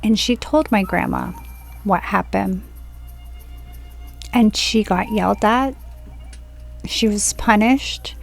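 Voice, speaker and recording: A woman in her forties from Florida telling a personal story from home in a slow, rambling monologue that drifts onto tangents. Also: medium pitch, gravelly, faint music behind. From Florida, USA. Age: 40s. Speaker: spiritual video creator. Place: at home, indoors.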